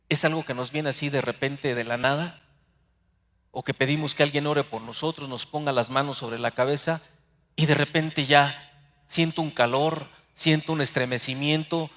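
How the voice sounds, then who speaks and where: A man with a Mexican Spanish accent preaching a sermon as pastor, slowing down for emphatic scripture readings. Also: mid-range voice, a bit bright. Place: church sanctuary. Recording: long hall reverb.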